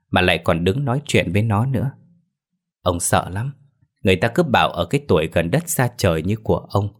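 Deep-voiced man narrating a ghost story. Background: faint music.

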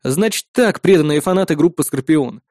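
Cold armored villain, menacing and calm, read by a male narrator, close and dry. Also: a little high, normal speed, no room sound, natural voice. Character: cold armored man, self-styled villain.

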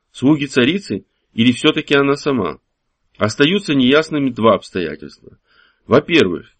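Reading a scripted audiobook, this narrator keeps his delivery steady and even, with a measured storyteller's rhythm and a voice of medium pitch.

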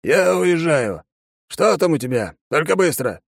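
A man voicing a blunt, commanding older army colonel with a gravelly, barking delivery. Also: on the high side, very animated, a little slow, no room sound, clean studio sound, voice pushed up, full character voice. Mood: gruff.

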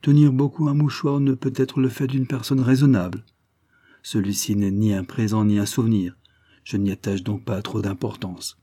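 A man voicing a gentle, gracious young married woman in a read-aloud story, speaking softly and kindly. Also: fairly low pitch, steady tone, moderate pace, dry recording, clean studio sound, lightly acted.

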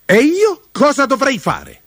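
A man's voice: medium pitch, wildly swooping pitch, moderate pace, slightly rough, no room sound, clean studio sound, exaggerated voice. Mudube, a hot-headed boy, as a man puts him on. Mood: angry. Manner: shouting, indignant. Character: young headstrong boy, quick to anger.

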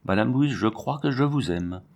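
A man's voice: mid-range voice, animated, normal speed, darkish tone. A man reading an audiobook, playing a passionate, brutal young lion tamer who speaks urgently and pleads. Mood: pleading.

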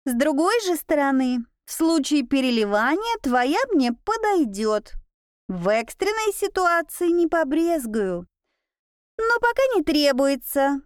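A woman voicing a small male bat familiar who talks in a high, slow, drawn-out, lecturing way, as in a read-aloud storybook. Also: sing-song, no room sound, studio quality. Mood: matter-of-fact.

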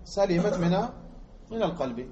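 A man from Algeria teaching Arabic morphology as a lecture, repeating example words slowly and quizzing his listeners. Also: sits high, animated, a little mellow, a little hiss or hum. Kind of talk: classroom lecture explaining grammar. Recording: muffled lo-fi recording.

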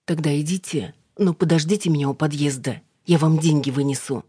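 A stern, guarded businesswoman boss, voiced by an audiobook reader, clipped and curt in every reply. The tone is husky and is recorded dry and close. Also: medium pitch, fairly quick, warm tone, no room sound, lightly acted.

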